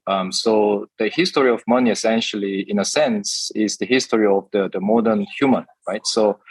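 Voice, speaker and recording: A man answers interview questions in a thoughtful, explanatory way. His voice is low and a little husky. The sound is dry and close. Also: dry recording, poor audio. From Korea, raised in the UK. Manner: thoughtful, explanatory, many fillers. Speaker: guest, tech executive.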